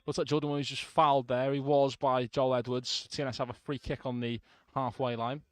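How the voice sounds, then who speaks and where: A man giving live radio commentary on a football match from the stands, calm play-by-play with brief asides to listeners. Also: mid-range voice, a little fast, no echo.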